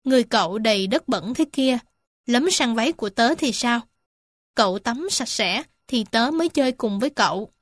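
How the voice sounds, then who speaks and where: A woman's voice: on the high side, expressive, normal speed, dry recording. A woman voicing a prim, tidy rabbit girl. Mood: fussy. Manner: fussy, prim.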